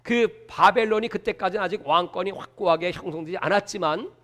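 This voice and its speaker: A male pastor delivering a sermon with animated, dramatic storytelling. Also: very high-pitched.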